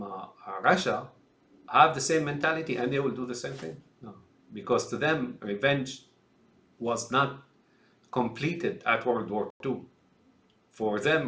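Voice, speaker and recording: A man's voice: mid-range voice, a bit bright. A man from Syria giving a rambling political monologue, full of fillers and repeated words, calling his listeners "folks". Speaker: commentator. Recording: roomy echo.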